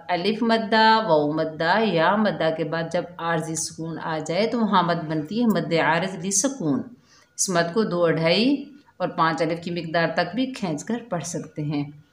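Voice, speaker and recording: A woman teaching Quran recitation slowly and patiently, drawing out the recited words in a chant. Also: on the low side, roomy sound. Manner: slow, patient explaining with drawn-out chanted recitation. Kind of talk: step-by-step recitation lesson.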